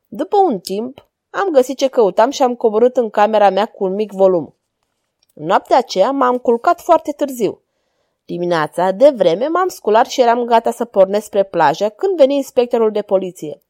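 A woman narrating a story in a calm, even reading voice. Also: fairly high pitch, dry recording, studio quality.

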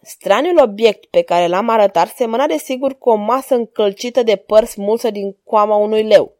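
Warm-voiced woman reading a story. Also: on the high side, no echo, clean studio sound. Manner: calm, even reading. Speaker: narrator. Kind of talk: storybook narration.

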